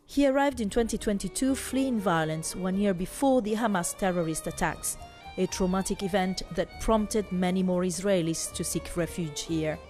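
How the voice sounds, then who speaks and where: Low-pitched woman news narrator. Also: dark tone. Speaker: reporter.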